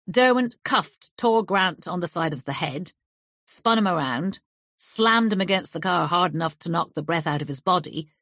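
A woman's voice: lowish voice, a bit bright, no echo, clean studio sound. A woman narrating a crime novel audiobook, shifting her voice lightly for the characters' lines. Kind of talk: scripted narration.

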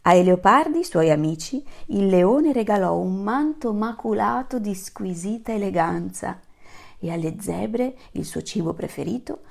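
A woman reads a storybook aloud to children with a lively, swooping voice. Her tone has a gravelly edge, and she tells the tale in an animated, dramatic way. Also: medium pitch, unhurried. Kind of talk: expressive read-aloud.

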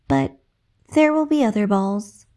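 A woman's voice: mid-range voice, big pitch swings, a little slow, mellow. A woman voicing a cruel, mocking middle-aged stepmother in a bedtime story. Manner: sneering, mocking.

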